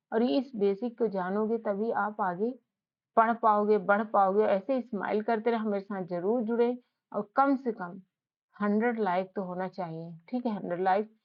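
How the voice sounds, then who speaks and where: A woman's voice: mid-range voice, moderate pace. A woman teaching a casual spoken lesson on spelling, patiently repeating questions back to the learner. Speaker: English teacher. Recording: slightly dull lo-fi audio.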